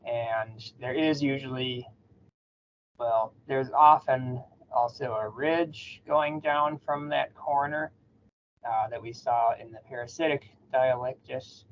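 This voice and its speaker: A man's voice: mid-range voice, fairly even intonation, slow pace, slight background noise. Hesitant man on a muffled call. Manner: hesitant, starts answers with "uh". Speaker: guest bee expert. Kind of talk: live online workshop, answering questions. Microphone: computer mic on a video call.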